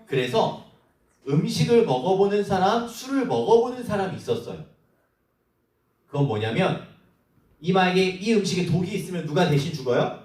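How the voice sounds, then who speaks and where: Man, children's sermon, high animated voice, asks questions, roomy echo, distant mic. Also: moderate pace, long pauses. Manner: asks the children questions and acts out quoted lines. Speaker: children's ministry preacher. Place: church hall.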